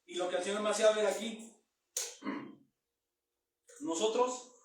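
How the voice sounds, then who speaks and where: High-voiced preacher in a booming, echoey hall. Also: male voice, takes it slowly. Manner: reads verses aloud, then explains them in plain words. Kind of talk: Bible teaching sermon. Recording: very echoey room, mic far off.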